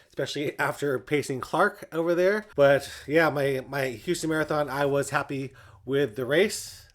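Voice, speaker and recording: A man chatting casually to his viewers as a running vlogger. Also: medium pitch. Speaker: running vlogger and channel host.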